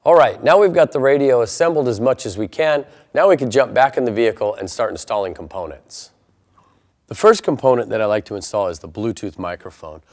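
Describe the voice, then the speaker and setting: In this instructional narration, a man explains an installation one step at a time, plainly and methodically. He speaks a little fast, with a medium-pitched, slightly mellow and animated voice.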